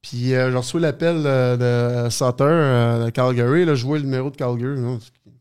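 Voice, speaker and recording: A man's voice: medium pitch, steady tone, moderate pace, darkish tone, smooth. A middle-aged man with a Quebec French accent, a former hockey player telling stories as a guest, rambling with many restarts. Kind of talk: casual storytelling interview.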